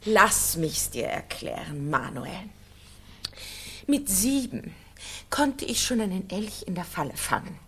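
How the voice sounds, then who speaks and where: An actress playing a volatile, mocking wife in a radio play, with a theatrical, taunting way of speaking. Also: female voice, medium pitch, sing-song, takes it slowly, a bit bright, husky, full character voice. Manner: theatrical, taunting, emotional outbursts. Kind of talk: 1990 radio play acting.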